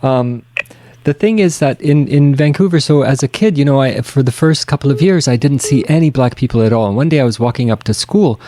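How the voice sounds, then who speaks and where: A Tanzanian man hosts a casual radio interview, chatting in a rambling way with lots of restarts. His voice is medium-pitched and warm, and he speaks briskly.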